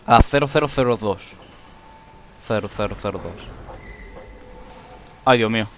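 A man giving excitable let's play commentary, shrieking when he panics. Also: on the low side, a little slow, a little hiss or hum. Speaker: gaming YouTuber.

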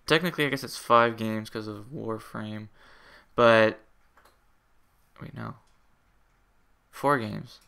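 A young man talks through a casual update on his gaming channel from home. His voice is bright and crisp, and he rambles with frequent fillers, self-corrections and half-finished sentences. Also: fairly low pitch, takes it slowly, pauses often. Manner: rambling, hesitant, many fillers and restarts.

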